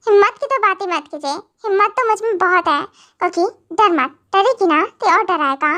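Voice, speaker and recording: A woman's voice: very high-pitched, animated, a little fast, bright, forceful tone, full character voice. A woman as a stubborn defiant young woman. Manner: argumentative, insistent. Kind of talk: fan audio drama acting.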